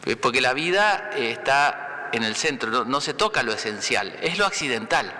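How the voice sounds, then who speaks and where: Bright-voiced priest preaching in a ringing church. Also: male voice, medium pitch, big pitch swings, in a large hall. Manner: conversational, asks "¿no?" for agreement; pauses and restarts mid-phrase. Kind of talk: spoken homily.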